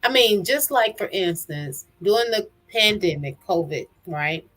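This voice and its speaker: A woman in a relaxed conversation talks at a mid pitch, building her argument point by point. She sounds confident and talks freely, with a few small restarts. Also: a little slow. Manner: opinionated, explains her point step by step. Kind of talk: casual chat.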